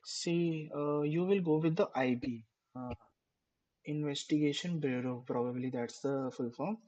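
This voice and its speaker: Casting: male host, slightly higher voice, hesitant and filler-heavy. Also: unhurried, dark tone, rough recording. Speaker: community session host. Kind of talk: online mentoring session.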